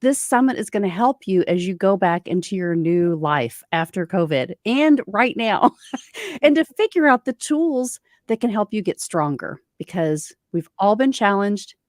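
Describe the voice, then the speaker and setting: A woman's voice: mid-range voice, very animated, unhurried, dry recording. Chatty woman host, dry close sound. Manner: enthusiastic, chatty, laughs often. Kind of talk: online interview.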